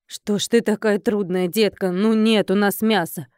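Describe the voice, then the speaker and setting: A woman's voice: medium pitch, steady tone, normal speed, darkish tone, clean tone, no room sound, clean studio sound, natural voice. Grumbling stingy innkeeper woman, read by a woman. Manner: grumbling, indignant. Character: grumbling stingy middle-aged female innkeeper. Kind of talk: audiobook character voice.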